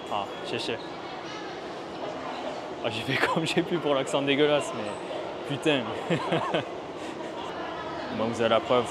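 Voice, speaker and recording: A man talking casually and bluntly to camera outdoors on a city street, teaching Mandarin learners, with some swearing. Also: mid-range voice. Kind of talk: casual vlog talk to camera. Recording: street traffic noise behind.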